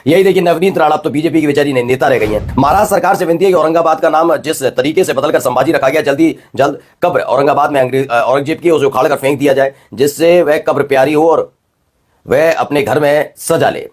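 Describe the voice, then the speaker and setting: A man delivers political news commentary at a rapid clip, his voice a touch husky and pitched a little high. He keeps turning to the viewer with rhetorical prompts. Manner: fast, rhetorical, addressing viewers directly.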